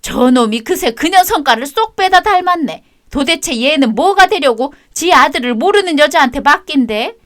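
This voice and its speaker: A woman's voice: sits high, animated, moderate pace, hardly any pauses. A woman voicing a scornful, bossy sister-in-law. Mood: scolding. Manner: sneering, scolding. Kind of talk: radio drama acting.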